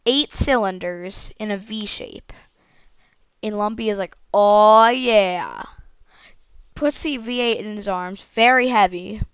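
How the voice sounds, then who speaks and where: A woman's voice: mid-range voice, measured pace, a bit bright, clear, resonant tone, no room sound. Woman rambling through a made-up story. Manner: rambling, strings events with "and then". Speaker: podcast storyteller. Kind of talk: improvised story narration. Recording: dull lo-fi dry recording.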